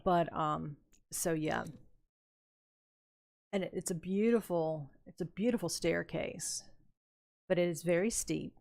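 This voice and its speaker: A woman's voice: on the low side, unhurried, gravelly, long pauses, darkish tone. An older woman streamer chatting casually and telling a rambling story while she plays a game, laughing often. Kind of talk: casual chat while playing.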